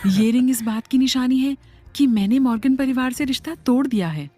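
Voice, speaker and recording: A woman's voice: high-pitched, brisk, dark tone, faint music behind. A woman voicing a cheerful, affectionate young bride who chats eagerly with her husband, in a dubbed drama. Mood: warm. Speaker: voice actor. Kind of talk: Hindi dub acting.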